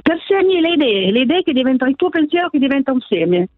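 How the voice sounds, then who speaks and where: A woman's voice: high-pitched, sing-song, fast talker, no room sound, soft background music. A woman in her sixties calling in to a radio show on speakerphone, talking earnestly and searching for her words. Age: 60s. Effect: on speakerphone over a phone line. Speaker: radio caller. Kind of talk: call-in chat. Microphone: phone on speakerphone. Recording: tinny phone line.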